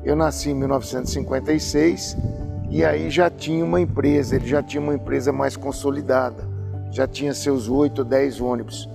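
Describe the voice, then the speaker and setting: A man in his sixties from Brazil, a business owner speaking reflectively in an interview testimony, halting and restarting as he remembers. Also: medium pitch, fairly even intonation, vocal fry. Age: 60s. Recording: music playing behind.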